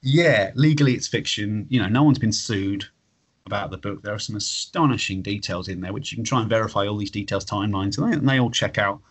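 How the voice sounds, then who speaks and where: Husky guy late 30s, kinda low voice, matey rambling chat. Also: fast talker. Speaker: interview guest, flat earth believer. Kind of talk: casual conversational explaining.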